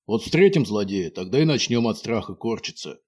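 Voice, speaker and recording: A man's voice: on the low side, animated, normal speed, a little mellow. A man voicing a vain, hesitant young prince in a fairy tale, who grumbles defensively. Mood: grumbling. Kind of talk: storybook reading.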